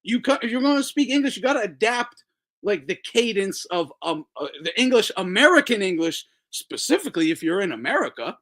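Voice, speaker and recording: A man hosting a casual boxing talk show, talking in a profane, animated way, laughing often and mimicking people. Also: sits high, a little fast. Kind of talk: casual chat.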